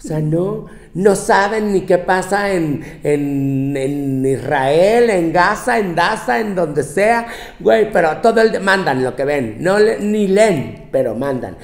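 A man's voice: high-pitched, lively intonation, slow, gravelly, heavily acted. A man doing a brash, scolding Mexican woman. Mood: sassy ranting. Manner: brash, profane, scolding, with mocking quoted voices. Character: sassy, bossy young Mexican woman lecturing her girlfriends. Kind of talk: comic advice monologue. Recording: roomy, echoey room.

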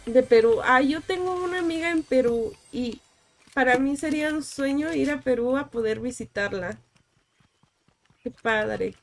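A woman's voice: sits high, a little slow, faint music behind. A young woman from Guatemala with a Guatemalan Spanish accent, casually chatting with viewers as she plays on a live stream, greeting and thanking them by name. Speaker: gaming streamer. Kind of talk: casual live-stream chat while playing.

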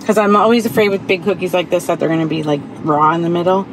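A woman's voice: fairly low pitch, fast. A woman in her forties hosting a casual taste-test vlog from a parked car, chatty and explaining as she goes. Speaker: vlog host. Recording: noisy car interior.

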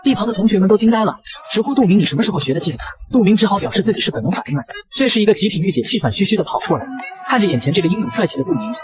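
A man narrating a manga recap in a brisk, breathless scripted delivery. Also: high voice, lively intonation, a little mellow.

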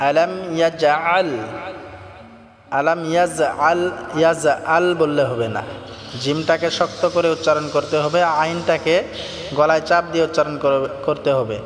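A man's voice: fairly high pitch, steady tone, normal speed. A man teaching correct pronunciation, patiently repeating and sounding out syllables. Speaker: recitation teacher. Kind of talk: explanatory lesson. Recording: reverberant with faint music.

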